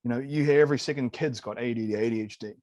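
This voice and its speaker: Talking very fast, a late-thirties New Zealander with a mid-range, slightly mellow voice recounts his story as a nutritionist guest in a casual interview. He's open and keen, peppering his speech with "man" and "dude" in his New Zealand accent, and the recording is dry.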